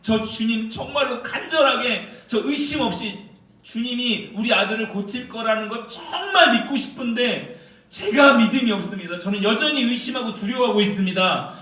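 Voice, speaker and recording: A man voicing a desperate middle-aged father who cries out in a high, pleading voice. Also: normal speed, bright, forceful tone. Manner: crying out, pleading, raised high voice. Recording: very echoey hall, mic far off.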